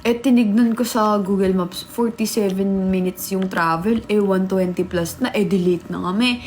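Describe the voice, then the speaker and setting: A young woman vlogger telling a story in casual chat, animated and laughing, acting out what people said. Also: mid-range voice, moderate pace, a little hiss or hum. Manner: animated, laughing, acts out quotes.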